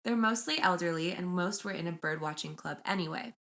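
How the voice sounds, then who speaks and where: A woman co-hosting a podcast, chatting casually and reading stories aloud in an animated way. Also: fairly low pitch, fairly quick. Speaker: podcast co-host. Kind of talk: casual chat and storytelling.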